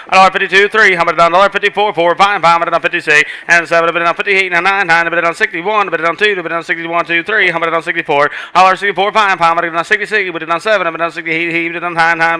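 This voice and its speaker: A man's voice: on the high side, sharp tone, clean tone. A man working as a livestock auctioneer, calling bids in a rhythmic rolling chant that repeats numbers.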